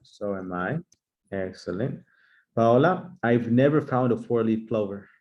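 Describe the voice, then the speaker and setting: A man teaching English in a brisk, encouraging way, drilling grammar with his class in a comedic sketch. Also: lowish voice. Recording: slightly muffled lo-fi recording.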